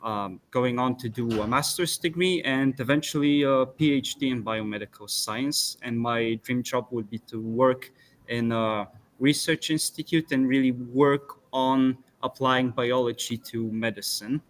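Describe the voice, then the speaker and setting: A man's voice: mid-range voice, a little hiss or hum. Young man introducing himself. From Bulgaria. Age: young adult. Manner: earnest, brisk, a few restarts. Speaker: student guest. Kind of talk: self-introduction in a webinar.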